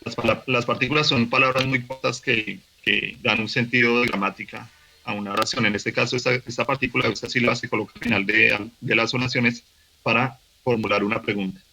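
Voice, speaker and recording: A man teaching a workshop lesson, explaining patiently with fillers and restarts, slowing down to demonstrate syllables. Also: medium pitch, steady tone, vocal fry, sharp tone, rough recording. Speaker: language teacher. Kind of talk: recorded online workshop lesson.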